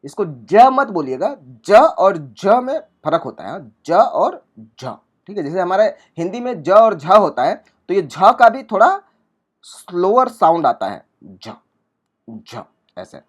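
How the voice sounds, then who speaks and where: A man's voice: high-pitched, very animated, a little slow, muffled recording. A man teaching spoken English, explaining step by step and repeating each sound and example word while reading from notes on a laptop.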